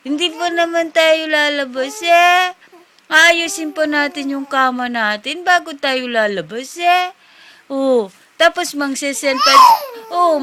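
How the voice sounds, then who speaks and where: A woman's voice: high voice, heavy background noise. A woman filming a baby at home, coaxing it in sing-song baby talk and often speaking on the baby's behalf. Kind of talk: home video, talking to a baby.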